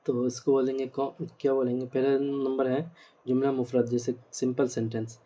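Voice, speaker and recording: A man's voice: mid-range voice, level tone, mellow. A male teacher giving a grammar lecture, explaining step by step, asking rhetorical questions and mixing in English words.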